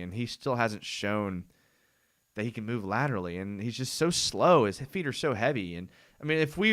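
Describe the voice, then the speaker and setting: Hosting a casual live-stream fan show, this young man has a medium-pitched voice that's bright and forceful. He rambles easily, leaning on "dude," "I mean," and other fillers, and his voice is worn and turning hoarse from the long stretch of talking.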